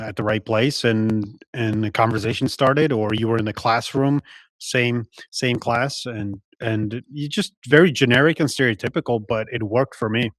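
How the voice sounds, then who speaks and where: Forties guy from Poland, Polish first language, podcast guest, unhurried and reflective, dead-dry mic. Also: medium pitch, dry recording. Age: 40s. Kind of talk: casual interview.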